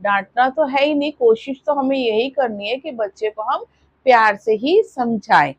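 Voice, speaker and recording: Woman, Indian English accent, preschool teacher, earnest advice to parents, fairly high voice, dry close sound. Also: moderate pace, husky, no room sound, lo-fi sound. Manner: sing-song greetings, then earnest advice with tag questions. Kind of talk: warm advice to parents and kids.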